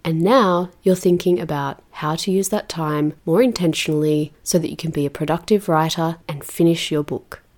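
A woman's voice: low-pitched, fairly even intonation, moderate pace, hardly any pauses, darkish tone. A woman podcast host giving upbeat, tidy how-to advice in an encouraging, instructional way, speaking directly to the listener. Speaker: podcast host and writing coach.

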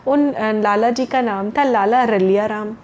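A woman's voice: fairly high pitch, unhurried, a little mellow, lo-fi sound. A woman storyteller narrating a tale to children, explaining words as she goes and addressing them directly.

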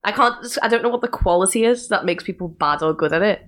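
A woman's voice: mid-range voice, fast talker, fairly bright tone. A woman co-hosting a podcast, chatting casually and telling everyday anecdotes. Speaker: podcast co-host.

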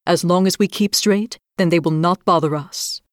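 A woman voicing a calm, protective mother mouse who speaks in a composed, firm way. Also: on the low side, normal speed, no room sound, studio quality, lightly acted.

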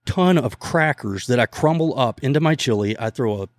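A man's voice: medium pitch, expressive, moderate pace. Guy cracking dry jokes, easygoing, regular mid voice, no room echo. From Texas. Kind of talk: casual chat.

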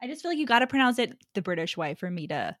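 A young woman co-hosting a casual book podcast, animated and quick to laugh, with lots of "like". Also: a little high, no room sound, clean studio sound. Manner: animated, laughs often, many likes. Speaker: podcast co-host.

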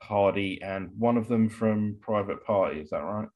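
Lowish-voiced British man, casual and hesitant. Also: moderate pace, darkish tone. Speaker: wrestling podcast co-host. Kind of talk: casual chat.

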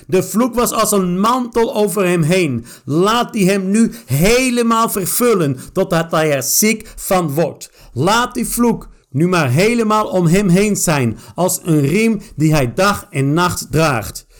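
A pastor praying fervently, with insistent, repeated declarations between scripture verses. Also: male voice, high-pitched. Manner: repetitive, insistent declarations of prayer. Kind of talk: fervent spoken prayer with scripture reading.

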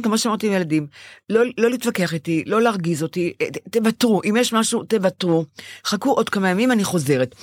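An older woman talks in a bright, animated way, her pitch swinging widely as she acts out her own past words. Her voice is close and dry, with no room sound around it. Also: no room sound. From Israel. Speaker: podcast co-host. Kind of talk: casual chat.

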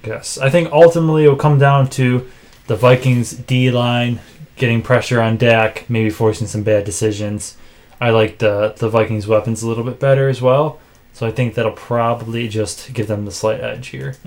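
Laid-back monotone man talking sports. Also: mid-range voice, normal speed. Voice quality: self-described monotone, dry and laid-back. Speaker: podcast co-host. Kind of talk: casual sports chat.

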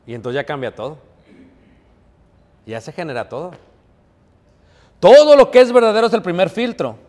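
A man's voice: sits high, very animated, moderate pace, darkish tone, big-room sound. A man preaching a sermon, earnest and emphatic, calling his listeners brothers. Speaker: pastor.

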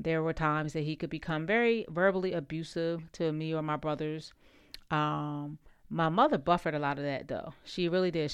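A woman's voice: low-pitched, clean tone, no room sound. A middle-aged woman telling personal stories about her father in a casual, reflective way, often repeating phrases. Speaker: storyteller sharing family memories.

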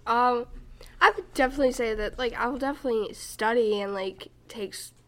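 A woman's voice: on the high side, fairly quick. A teenage girl teasing her friend in a casual chat. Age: teens. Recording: faint background noise.

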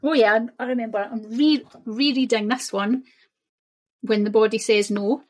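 A woman's voice: fairly high pitch, fairly even intonation, moderate pace. A Scottish woman, a shamanism teacher, talking casually as a podcast guest, chatty and laughing easily. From Scotland. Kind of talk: casual interview chat.

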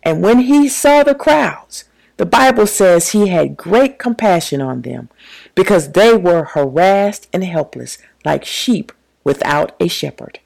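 Woman, ministry co-host, gravelly tone, measured preacherly reading. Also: lowish voice, animated, darkish tone, low-quality recording. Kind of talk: prepared commentary, read aloud.

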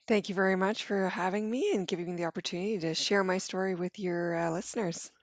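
A woman's voice: lowish voice, steady tone, fast talker, no echo. A woman from Canada, a guest in a casual interview, who talks in a friendly way and laughs easily.

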